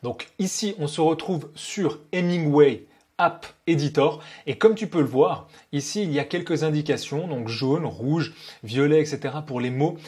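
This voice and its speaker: A young man explaining software tools in a screen-share tutorial, talking informally to the viewer with many hesitant fillers. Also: fairly high pitch, normal speed, slightly rough. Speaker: copywriter teaching software tools.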